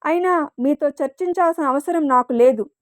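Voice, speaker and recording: A woman's voice: sits high, moderate pace, no echo, studio quality, lightly acted. A woman voicing a proud, arrogant wealthy mother in a storybook reading, talking down to everyone. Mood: haughty. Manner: haughty, arrogant.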